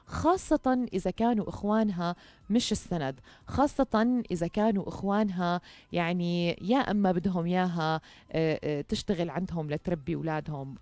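Female talk show host, young, Jordanian accent. Warm dark tone, dry studio sound, earnest emphatic delivery. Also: lowish voice, no room sound. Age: young adult. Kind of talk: conversational studio monologue. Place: TV studio, indoors. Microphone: headset.

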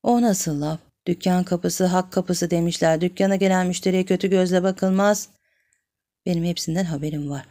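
A woman's voice: lowish voice, fairly even intonation, moderate pace, dark tone, lightly acted. A woman voicing a sly, lecherous middle-aged village man who coaxes and then threatens. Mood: evasive.

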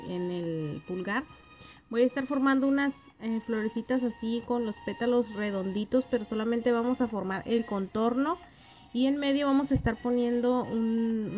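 A woman with a fairly high voice narrates a nail art tutorial in a gentle, friendly way, pausing on small fillers as she explains each step. The voice-over sounds dull and lo-fi, with quiet music underneath.

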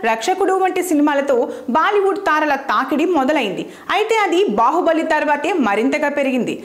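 A woman narrating a scripted entertainment news voice-over in an even, formal read-out manner. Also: sits high.

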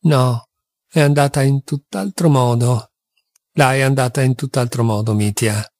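A man reading an audiobook, voicing a gentle, earnest young man who speaks calmly and quietly. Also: mid-range voice, a little slow, no echo, natural voice.

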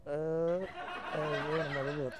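A man's voice: fairly high pitch, flat delivery, normal speed. A man playing a shop clerk, talking in broken pidgin Arabic with chuckles.

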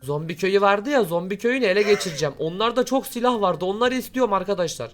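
A man's voice: sits high, lively intonation, fast talker, a crowd in the background. A man hosting Minecraft role-play commentary in an exclamatory way, urgently repeating his phrases. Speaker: host of a gaming channel.

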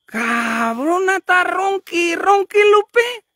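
A woman's voice: very high-pitched, expressive, slow, fairly bright tone, dry recording, studio quality. A woman vlogger, teasing and swearing in casual chat.

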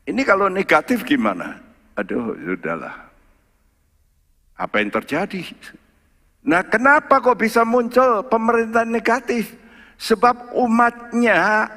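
Male pastor, lively sermon, bright tone, church reverb. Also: high-pitched. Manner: lively preacher, rhetorical questions, mixes English words. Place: large church hall.

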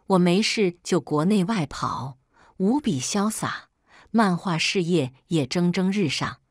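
A woman narrates a first-person story in an expressive, dramatic reading. Her voice sits low but swings widely, and the sound is close and dry with no room around it. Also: no echo.

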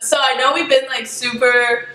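A woman's voice: high-pitched, level tone, normal speed, bright, forceful tone, slight background noise. A young woman vlogger chatting casually with her brother, playful and teasing, often giggling. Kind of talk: casual chat. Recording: echoey room, far mic, music behind.

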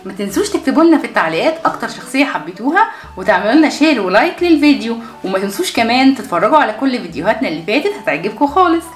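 A woman's voice: on the high side, big pitch swings, rapid-fire, faint music behind. A woman host with an Egyptian Arabic accent, cheerfully speaking to children in a scripted video outro. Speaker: channel host.

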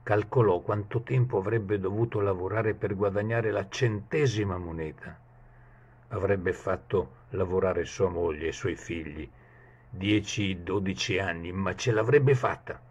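Husky low-voiced man reading a fable. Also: unhurried, darkish tone. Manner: dramatic storytelling, shifts pitch for characters. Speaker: storyteller.

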